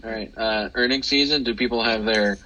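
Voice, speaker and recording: A young man co-hosting a casual podcast, blunt and dismissive, with a husky voice. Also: on the low side, fairly even intonation, fairly quick, sharp tone, a little hiss or hum, rough recording. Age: young adult. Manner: blunt, dismissive, storytelling asides. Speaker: podcast co-host. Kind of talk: casual chat.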